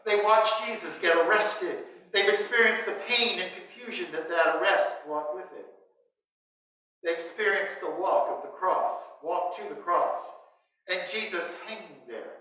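Through a face mask, a US priest in his sixties preaches from notes at the altar, his high voice bright and forceful, his phrasing short and measured with pauses. A distant microphone records the very echoey church.

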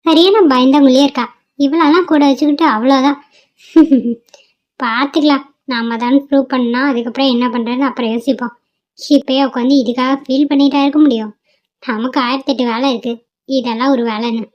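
A woman's voice: high voice, moderate pace, darkish tone, natural voice. A woman voicing a bold, scheming young office worker in a cartoon, speaking defiantly and dismissively. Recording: dull lo-fi cartoon audio.

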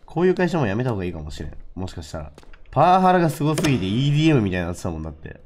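Low-voiced man joking through a horror game. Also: rapid-fire, slight background noise. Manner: joking, unflustered banter with the game characters; lively, dry running remarks to himself. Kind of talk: casual let's-play commentary.

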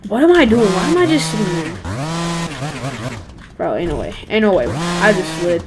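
A woman giving casual, excitable, slang-heavy commentary while playing a game, talking into a headset. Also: fairly low pitch, noisy background. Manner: excitable, slangy, quick exclamations. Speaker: gaming channel host. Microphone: gaming headset.

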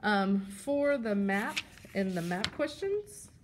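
Showing her props as she talks, a woman teacher walks through a classroom game in a plain, steady, step-by-step way. Her mid-range voice takes it slowly, with slight background noise.

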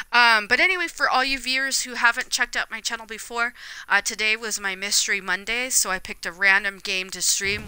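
A woman's voice: medium pitch, sharp tone, smooth, dry recording, low-quality recording. A laid-back young woman streaming games live, chatting casually and rambling with lots of fillers. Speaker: gaming streamer.

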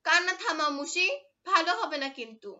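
A woman's voice: high-pitched, animated, moderate pace, pushed and bright, recorded from a distance, lo-fi sound. A woman voicing a stern, exasperated mother who scolds her child, in a children's storybook reading.

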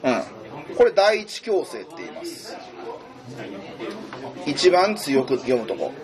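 Guy teaching, high voice that swings all over, chatty and loose. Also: very animated, takes it slowly, crowd noise. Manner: chatty, loose, thinks aloud while explaining. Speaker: tutor. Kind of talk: casual whiteboard lesson.

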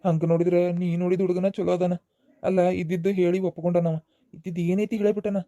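A man voicing a stern, high-voiced cartoon father. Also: flat delivery, quick pace, mellow, dry recording, highs cut off. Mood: approving. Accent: North Karnataka Kannada. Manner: scolding, emotional, repeats himself. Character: aging father of a grown daughter, stern then remorseful. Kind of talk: cartoon voice acting.

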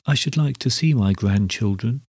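A gaunt, frail old peasant man from a storybook reading, as a male narrator puts him on. His speech comes low and weak, rough and breathy. It sounds close and dry. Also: lively intonation, moderate pace, dark tone, no echo, full character voice. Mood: wistful. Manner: feeble, low voice.

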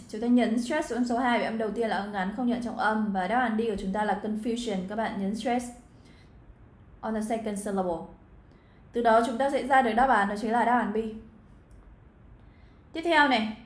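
Her fairly high voice reverberates as this Vietnamese English teacher chats through an exam walkthrough. She speaks directly to her students and uses lots of fillers.

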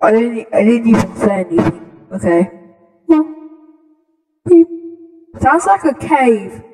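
A man's voice: very high voice, big pitch swings, slow pace, darkish tone. A man joking around in mock-Santa banter, his voice ringing with a cave-like echo. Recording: cavernous echo, distant from the mic, faint music.

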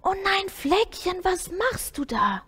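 A woman voicing a restless, impulsive schoolboy in a children's story, pleading and excitable. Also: fairly high pitch, measured pace, slightly rough. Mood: alarmed.

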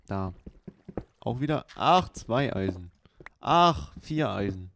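Male let's play host, relaxed, slow and low, filler-heavy, hissy recording. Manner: unhurried, chatty running commentary with many fillers. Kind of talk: casual gameplay commentary. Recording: clear background hiss.

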